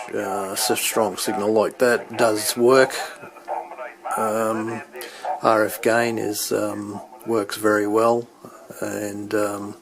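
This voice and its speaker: A hobbyist gives an unscripted, hands-on walkthrough of his radio equipment. His voice is low and flat, and his delivery is halting and hesitant, as though he's thinking aloud.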